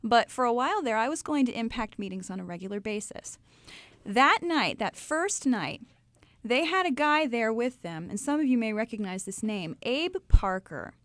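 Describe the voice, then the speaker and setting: A woman's voice: a little high, normal speed, dry recording. Chatty young woman telling a story. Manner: lively, chatty storytelling with acted quotes. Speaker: speaker telling her testimony. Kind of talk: storytelling testimony to a live audience.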